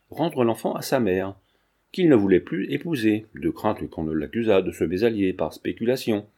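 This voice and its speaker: A man narrating a classic novel as an audiobook in a steady, measured reading. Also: on the low side. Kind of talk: scripted narration.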